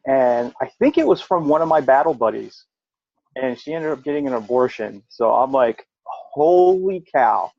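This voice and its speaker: A man's voice: mid-range voice, animated, normal speed, creaky. Rambling middle-aged man, dull lo-fi sound. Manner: rambling storytelling, rising sharply when quoting himself. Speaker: podcast co-host, veteran. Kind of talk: casual chat.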